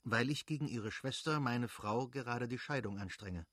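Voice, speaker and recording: A man voicing a cold, formal middle-aged official who speaks in measured, distant sentences. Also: medium pitch, a bit bright, dry recording, studio quality, close to an everyday voice.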